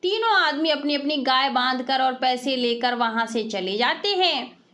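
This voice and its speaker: High-voiced woman narrating a storybook. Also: a little slow. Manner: steady, clear storytelling.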